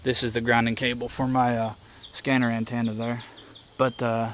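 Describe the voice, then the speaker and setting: A man at medium pitch, his voice a bit bright, walks through something step by step in a plainspoken, folksy, casual way with completely flat delivery at a moderate pace. He's a hobbyist presenter recording outdoors beside a house porch, where insects and birds are clearly audible in the ambience.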